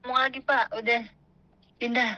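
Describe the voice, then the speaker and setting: A woman's voice: on the high side, flat delivery, normal speed, very noisy. An Indonesian woman calling for advice on a phone line that keeps breaking up, answering hesitantly with short agreeing fillers. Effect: choppy phone line breaking up. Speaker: caller, domestic worker abroad. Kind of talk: phone call asking advice. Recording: muffled phone audio.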